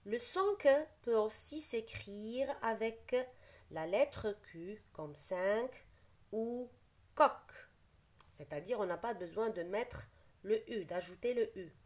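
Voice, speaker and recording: A woman's voice: medium pitch, slow pace, a little mellow. A woman teacher explaining a spelling lesson, patiently reading words aloud and repeating each one. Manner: explains patiently, repeats each word, switches briefly into Arabic.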